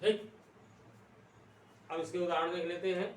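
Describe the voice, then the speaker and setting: Slow, deliberate man teaching grammar. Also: high-pitched, steady tone. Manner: repeats each term slowly, checks in with "ठीक है?". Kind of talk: slow classroom explanation. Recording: echoey room, distant mic, faint noise.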